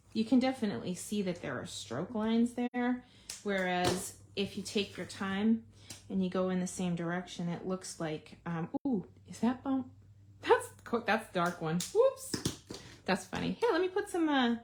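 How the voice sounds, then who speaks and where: A woman's voice: medium pitch, a little hiss or hum. A woman hosting a casual live card-making demo, chatting with viewers and thinking aloud as she colors.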